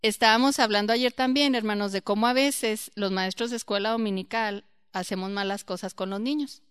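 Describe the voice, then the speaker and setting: A woman giving a church Bible teaching, lively and questioning her group, acting out quoted voices. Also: medium pitch, a little fast, clean tone, no room sound, studio quality.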